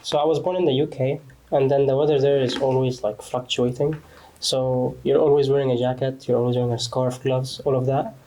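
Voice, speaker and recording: Young man from Egypt, student guest, mellow warm tone, easygoing storyteller. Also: medium pitch, little pitch movement, a little fast, a little hiss or hum, rough recording. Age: young adult. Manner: easygoing storyteller, many "like" and "and then". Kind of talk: casual podcast chat.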